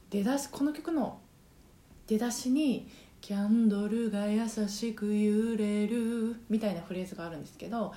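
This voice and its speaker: A woman's voice: medium pitch, warm tone. Chatty woman singing teacher, echoey room. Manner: chatty, many fillers, sings short phrases to demonstrate. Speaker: podcast host and singing trainer. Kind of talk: casual solo podcast talk. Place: apartment home.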